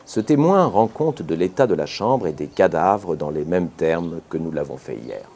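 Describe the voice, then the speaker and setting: Deep, lively male audiobook narrator. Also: moderate pace, slight background noise. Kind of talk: scripted narration.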